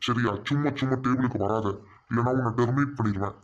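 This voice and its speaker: A man's voice: medium pitch, fast talker, lo-fi sound, natural voice. A man voicing a dismissive office manager in a cartoon, curt and cold.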